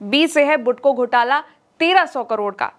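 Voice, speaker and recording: A woman's voice: high voice, expressive, normal speed. A woman presenting scripted political news narration in an emphatic, dramatic way.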